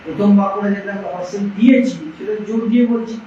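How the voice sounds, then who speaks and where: High-voiced teacher, echoey and distant. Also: male voice, dark tone. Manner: quizzes students with repeated questions, slow dictation. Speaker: English teacher. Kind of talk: classroom lecture in Bengali. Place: classroom. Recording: echoey dull classroom recording from far off, noisy.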